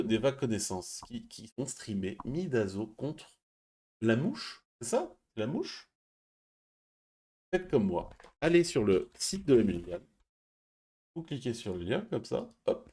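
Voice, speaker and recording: A man hosting a stream, chatting casually and reading viewer messages, speaking quietly and laughing often. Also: medium pitch, very animated, unhurried, long pauses. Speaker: stream host.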